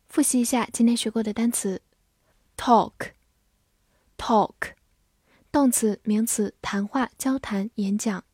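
A woman delivers a scripted vocabulary lesson in a slightly high voice, spelling each word out and repeating it. She talks very slowly and deliberately. The recording is close and dry, with no room sound. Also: darkish tone, slightly rough, dry recording. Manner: slow, deliberate spelling and repetition of words. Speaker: English vocabulary teacher.

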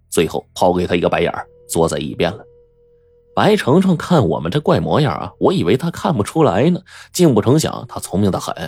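A man narrating a first-person story in a wry, lively storytelling manner. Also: on the low side, breathy edge, dry recording.

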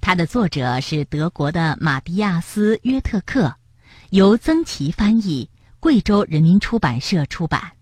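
Lady reading a kids story, slow and breathy, dry close sound. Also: on the low side, no echo. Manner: expressive, addresses young listeners.

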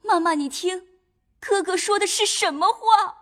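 Female actor: high, gentle, sensible young lady for an audio drama. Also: lively intonation, unhurried, husky, full character voice. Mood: tearful. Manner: gentle, reasoning tone.

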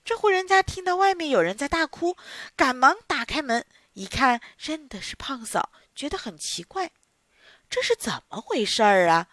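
Children's story narrator: a woman with a highish, bright, expressive voice, drawn-out sing-song phrasing. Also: dry recording, studio quality.

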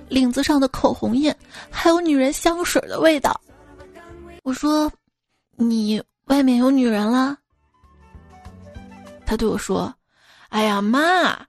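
Lady reading funny bits on the radio, kinda high voice, soft music under it. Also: creaky. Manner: lively, quotes characters in raised voices. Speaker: radio host telling jokes. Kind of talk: joke reading with acted voices.

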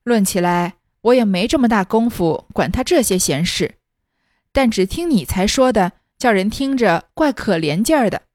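A woman voicing a sharp-tongued young noblewoman who runs a household, speaking briskly and with command. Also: medium pitch, lively intonation, no room sound, studio quality, natural voice. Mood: exclaiming. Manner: brisk, quick-witted, commanding.

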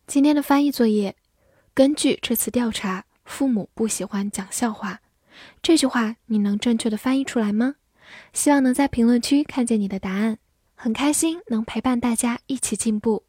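Female teacher, native Mandarin speaker, higher voice, dry close recording, spells English words and drills sentences slowly. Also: dark tone, husky, dry recording. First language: Mandarin Chinese. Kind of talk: scripted vocabulary lesson.

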